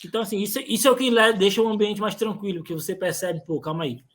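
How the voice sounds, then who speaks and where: High-voiced man, calm guest. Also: fast. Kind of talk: casual podcast chat.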